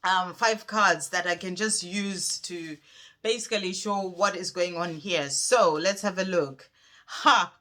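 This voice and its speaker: A woman chatting casually on a spiritual vlog, rambling and gentle as she talks through a song and pulls cards. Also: on the low side, unhurried, a little hiss or hum. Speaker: spiritual card reader.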